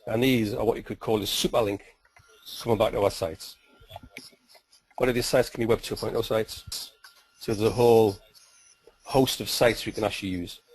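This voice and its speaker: A man teaching search-engine tactics in a steady, explanatory webinar style. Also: lowish voice, normal speed, pauses often, breathy edge, poor audio. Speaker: SEO trainer.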